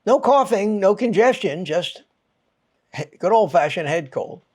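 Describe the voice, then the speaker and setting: Nursing a mild head cold, this channel host vents at his audience with clipped, frustrated phrases and emphatic swearing. His voice sits high and sounds animated, a little mellow, and unhurried.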